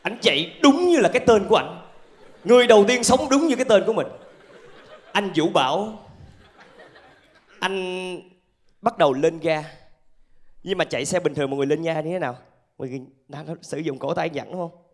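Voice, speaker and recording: Male stand-up comic, southern Vietnamese accent, high voice, animated storyteller on handheld mic. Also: fairly quick, pauses often. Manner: animated storytelling with acted-out asides. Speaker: stand-up comedian. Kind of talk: stand-up comedy storytelling to a live audience. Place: theatre stage with laughing audience. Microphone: handheld microphone.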